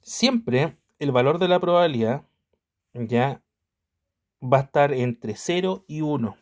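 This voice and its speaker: A man's voice: medium pitch, expressive, takes it slowly, a little mellow. A man teaching an online math lesson, patient and checking in with his students at almost every step. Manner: patient, checks in constantly with tag questions.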